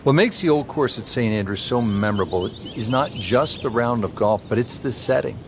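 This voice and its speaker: Man, golf play-by-play commentary, medium pitch, broadcast host, clear crowd and outdoor noise. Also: normal speed. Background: crowd and outdoor ambience.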